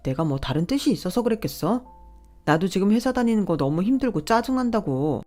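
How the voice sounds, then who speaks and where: A woman's voice: medium pitch, very animated, brisk, mellow, faint music behind, close to an everyday voice. A woman voicing an entitled, scheming young husband who whines and makes demands. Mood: wheedling. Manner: whiny, demanding, indignant.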